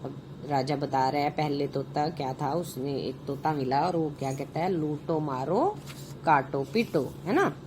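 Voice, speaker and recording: A woman's voice: deep voice, steady tone, moderate pace, noisy background. A woman teacher reads a children's textbook story aloud. She says each sentence twice and then quizzes her pupils on it, slipping English words into her explanations. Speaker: schoolteacher.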